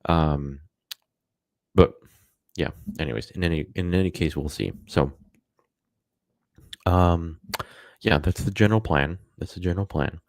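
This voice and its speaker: Casual streamer, male, rumbling deep voice, loose and rambling, dry close mic. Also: unhurried, long pauses, a little mellow, no echo. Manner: rambling, many fillers and self-corrections. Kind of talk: casual live-stream talk.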